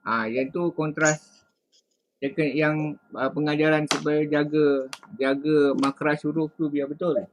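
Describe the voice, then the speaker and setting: A man with a Malaysian Malay accent, tutoring Arabic in a relaxed, casual chat and saying "ha" often. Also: fairly high pitch, a little slow, a little hiss or hum, poor audio.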